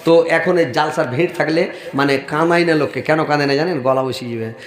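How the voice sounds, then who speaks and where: A male preacher giving a humorous sermon at a large outdoor gathering, teasing the audience and asking for donations over a loudspeaker. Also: on the high side, fairly quick. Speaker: Islamic preacher. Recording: echoey public-address sound at a crowded gathering.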